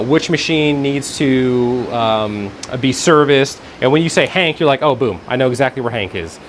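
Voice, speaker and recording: Casual man rambling over faint background hum. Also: mid-range voice. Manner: informal, rambling, thinking aloud. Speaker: tour guide. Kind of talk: casual vlog narration. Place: indoors, workplace rooms. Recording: faint room and air-conditioning noise.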